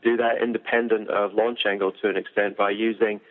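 Low-voiced man explaining golf tech. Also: flat delivery. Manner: measured, detailed, frequent "uh" fillers. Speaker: golf equipment engineer. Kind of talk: technical explanation in an interview. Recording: tinny phone-like audio.

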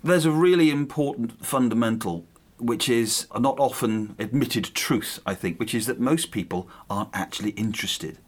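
A man's voice: medium pitch, moderate pace. A man hosting a podcast, explaining and giving tips in a conversational way.

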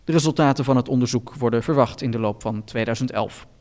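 A man hosting a satirical radio news show, reading items in a calm, formal deadpan. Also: medium pitch, fast talker, in a large hall. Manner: calm, formal newsreader delivery.

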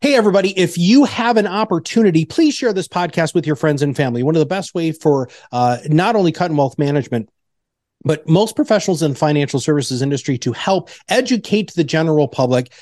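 Animated higher-pitched man hosting a podcast. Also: fast talker, dry recording, studio quality. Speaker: podcast host. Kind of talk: podcast hosting and scripted outro narration.

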